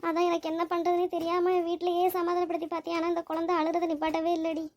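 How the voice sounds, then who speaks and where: Malar, a very high, flat anxious girlish voice, as a woman voices her. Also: fast talker. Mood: worried. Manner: fretful, pleading, talks to herself. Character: young woman who took in a crying baby, anxious and tender. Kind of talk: cartoon voice acting.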